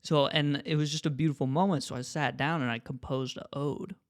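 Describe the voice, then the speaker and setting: A man's voice: a little high, fairly even intonation, brisk, no room sound, clean studio sound. A young man co-hosting a podcast in casual chat, who keeps cracking up with laughter in the middle of his sentences. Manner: giggly, keeps breaking into laughter mid-sentence. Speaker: podcast co-host.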